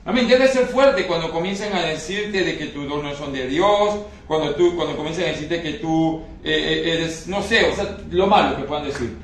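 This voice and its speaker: A man's voice: on the high side, moderate pace, few pauses, a little hiss or hum. A man preaching a sermon emphatically, often asking the congregation whether they understand. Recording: very echoey hall, mic far off.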